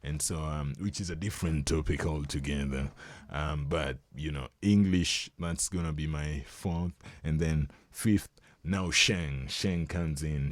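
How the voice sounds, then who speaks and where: With an extremely low voice and no echo around it, a young Kenyan guest whose first language is Luo explains things casually in an interview. He keeps the tone relaxed and chuckles frequently.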